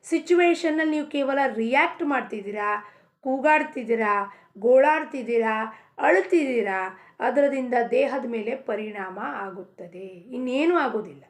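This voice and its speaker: A woman giving a devotional talk on a hymn, asking questions and answering them herself, with English phrases mixed in. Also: sits high. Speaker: spiritual speaker. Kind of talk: devotional discourse explaining a hymn.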